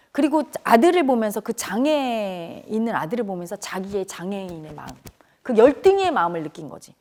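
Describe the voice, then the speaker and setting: A woman's voice: fairly high pitch, dark tone. A middle-aged woman earnestly telling a painful childhood memory to an audience, her voice turning tearful at times. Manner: tearful and earnest, rising to cries when reliving events. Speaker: speaker at a spiritual community talk. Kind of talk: emotional personal storytelling.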